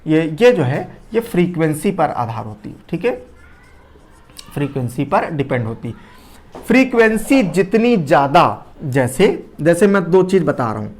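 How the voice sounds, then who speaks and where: A man's voice: fairly high pitch, sing-song, a little slow. Man teaching with constant repeated questions. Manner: repeats key points with rhetorical questions, checks understanding; shifts loudness and speed to demonstrate. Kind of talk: classroom lecture.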